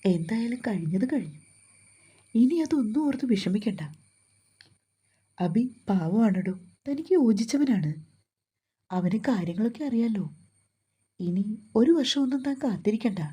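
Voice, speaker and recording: Woman reading a caring young man, soft and consoling, dark husky tone, storybook voice. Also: mid-range voice.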